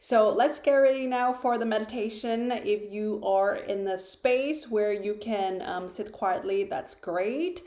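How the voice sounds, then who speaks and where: A woman who founded a retreat, guiding a meditation in a gentle, unhurried way with soft pauses, seated in her living room. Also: mid-range voice, roomy sound. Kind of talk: guided meditation. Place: living room, sitting on a floor cushion.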